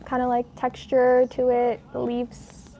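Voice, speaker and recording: An American woman hosts a casual livestream from home, crocheting as she chats, rambling off on tangents and saying "like" a lot. Her voice is high-pitched and warm but monotone, at a measured pace.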